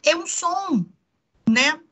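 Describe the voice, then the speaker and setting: A woman's voice: high-pitched, lively intonation, extremely slow, pushed and bright, highs cut off. A woman with a Brazilian accent, giving a psychoanalysis lecture in an explanatory way, often checking in with the listener. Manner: explanatory, frequent tag questions "né". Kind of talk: online lecture.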